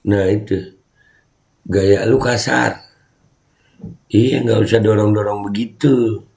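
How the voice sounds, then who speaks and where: Male commentator, low voice, scolding, casual. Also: fairly even intonation, slow, vocal fry, a little mellow, slight background noise. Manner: scolding, repetitive, chatty. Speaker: online commentator.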